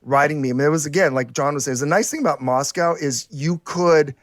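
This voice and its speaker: A man's voice: a little high, brisk, dry recording, clean studio sound. A man co-hosting a podcast, talking casually and rambling with many restarts and fillers. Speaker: podcast co-host. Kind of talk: casual conversation.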